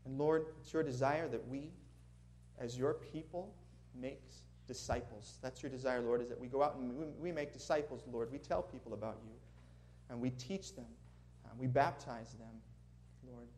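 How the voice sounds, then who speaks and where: There's a little hiss or hum behind this Minnesota guest preacher, whose medium-pitched, darkish voice moves at a normal speed. Speaking with a Minnesotan accent before a congregation in a church sanctuary, he offers a sermon of prayer and storytelling, earnest and friendly, with asides he chuckles through.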